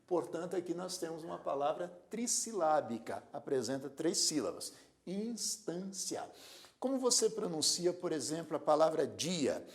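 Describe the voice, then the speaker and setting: A male grammar teacher lectures in class with a lively pitch and gravelly tone. He speaks slowly and deliberately, repeating words syllable by syllable and asking the learner rhetorical questions.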